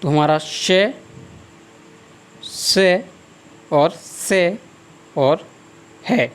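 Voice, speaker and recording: A man teaching a class, who keeps asking questions and answering them himself, repeats key terms and dictates notes slowly. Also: fairly high pitch. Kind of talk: classroom lecture.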